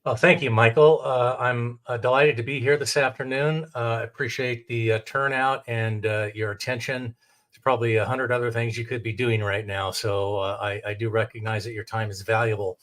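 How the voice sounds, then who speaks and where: Middle aged american guy teaching over screen share, mid pitched voice, polite, explains things step by step. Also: steady tone, normal speed, fairly bright tone. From United States, Oregon. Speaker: technical director and adjunct lecturer. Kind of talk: instructional presentation with screen share.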